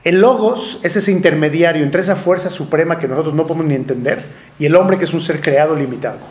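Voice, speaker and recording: A man's voice: on the high side, fast, a little mellow. Man lecturing a class in a roomy echo. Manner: explanatory, checks in often with rhetorical questions. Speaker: teacher.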